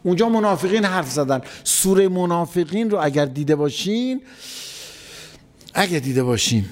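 A man's voice: high-pitched, animated. Preacher man in a reverberant hall. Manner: conversational, repeats phrases for emphasis. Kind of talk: sermon storytelling.

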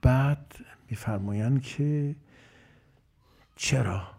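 A man preaching a sermon, moving from loud, emphatic phrases to near-whispers. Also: mid-range voice, creaky, husky. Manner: dramatic swings from loud to whispered.

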